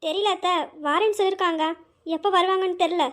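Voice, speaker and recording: A woman's voice: very high-pitched, fairly even intonation, quick pace, a bit bright. A woman voicing an earnest young daughter-in-law who pleads politely in an amateur audio drama. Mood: pleading.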